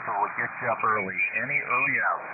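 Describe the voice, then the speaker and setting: A man acting as ham radio net controller, reading a roll call and taking check-ins in a halting, deliberate, courteous way, with radio room static over his voice. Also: medium pitch. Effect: radio transmission with static. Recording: narrow, phone-like radio band, loud static.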